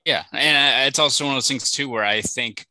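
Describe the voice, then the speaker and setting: A man with a Boston accent hosting a casual sports podcast, talking quickly and often using "like" and "right?". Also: medium pitch, pushed and bright, no room sound, low-quality recording. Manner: fast, filler-heavy, uses "like" and "right?" often. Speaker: podcast host.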